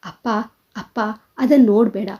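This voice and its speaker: Woman voicing young stubborn daughter, pleading, higher voice, breathy, dull lo-fi sound. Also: moderate pace, mellow. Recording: dull lo-fi recording.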